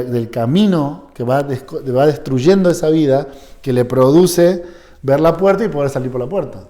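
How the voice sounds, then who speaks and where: A man's voice: medium pitch, dark tone. A man giving a live seminar lecture. He talks conversationally, checks often that the audience follows, and acts out short bits of quoted dialogue.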